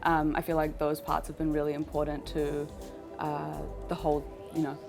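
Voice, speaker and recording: Low, flat-voiced thoughtful woman. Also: normal speed, vocal fry. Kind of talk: interview. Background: music.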